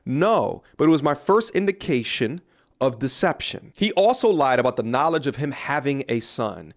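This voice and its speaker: A man's voice: mid-range voice, animated, moderate pace. A man in his thirties delivering a pointed, earnest commentary on a studio microphone in a small room. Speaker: commentary YouTuber. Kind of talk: scripted commentary video. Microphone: studio mic on a boom in front of him.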